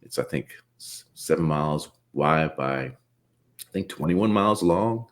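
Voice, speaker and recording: A man from the Bahamas hosting a casual interview, talking in a relaxed, rambling way and laughing often. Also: a bass voice, measured pace. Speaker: podcast host.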